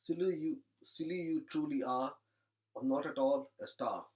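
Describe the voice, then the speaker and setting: A man's voice: on the high side, moderate pace. A man reciting rhyming comic verse in a dry, teasing way. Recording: dull lo-fi recording.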